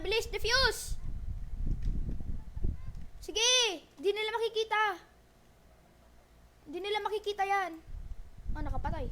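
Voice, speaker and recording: A woman playing an online shooter, chatting casually with teammates and firing off quick, repeated callouts. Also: very high-pitched, pushed and bright, slight background noise. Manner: quick, repetitive callouts, urgent and teasing. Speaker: gamer streaming a shooter match.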